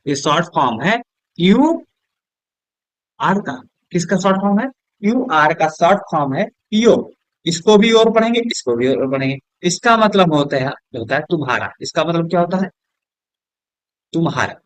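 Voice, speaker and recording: A man with Hindi-accented English, teaching a lesson at a board, asking questions and answering them himself, softer and lower on each answer word. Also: very animated, moderate pace, no room sound. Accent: Hindi-accented English words. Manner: drops low and soft on the answer words; keeps checking with "is that clear?".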